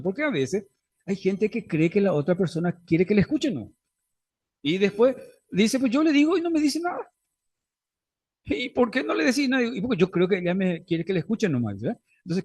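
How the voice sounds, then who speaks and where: A man's voice: medium pitch, warm tone, husky. A man teaching a faith-based class on family conflict in a conversational way, often checking in with his listeners. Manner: conversational teaching, frequent tag questions.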